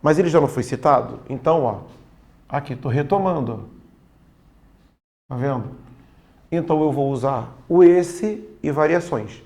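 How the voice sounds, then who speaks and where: A Portuguese teacher with a Brazilian accent gives a casual online grammar lesson for exam prep. His fairly high voice has a dark tone, and he often slows down to stress key points.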